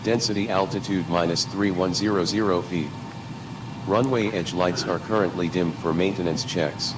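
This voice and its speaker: A man's voice on an automated airport weather broadcast, reading numbers in a measured, formal sequence. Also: sits low, steady tone. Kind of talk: recorded weather and runway information. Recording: distant speaker with background noise.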